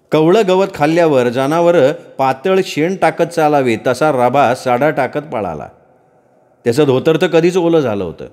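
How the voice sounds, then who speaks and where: Guy telling an old village tale, kinda high voice, super expressive, lots of folksy comparisons. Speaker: storyteller. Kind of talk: traditional oral storytelling.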